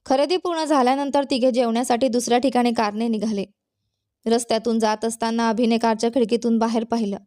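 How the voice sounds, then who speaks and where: A woman narrating a family storybook in a steady, clear reading. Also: a little high.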